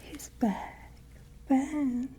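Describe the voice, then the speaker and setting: A woman playing a haughty, menacing, ageless vampire lady of a castle in a whispered ASMR roleplay, with deliberate, imperious delivery. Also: high voice, fairly even intonation, dark tone. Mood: cold, wistful menace.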